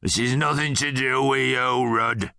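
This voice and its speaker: A man voicing a gruff, bullying male hammerhead mine guard who growls and taunts in a storybook reading. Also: mid-range voice, fairly even intonation, measured pace, sharp tone, no echo, clean studio sound, pitched above the performer's own voice. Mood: menacing taunts.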